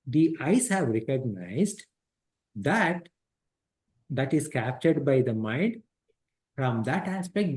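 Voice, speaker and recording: The audio is poor, but the middle-aged man's mid-range voice comes across as a little mellow. He teaches an interactive class on a scripture text via headset, explaining each step, going over points again and testing his students.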